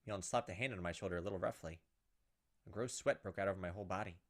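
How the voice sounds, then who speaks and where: A man with a low-pitched voice hosts a gaming video, quickly reading visual novel text aloud and adding his own commentary. Game music and insect sounds play in the background.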